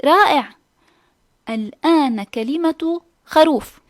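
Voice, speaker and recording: A woman hosting a scripted children's lesson, speaking clearly and encouragingly. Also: high-pitched, expressive, takes it slowly. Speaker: teacher host.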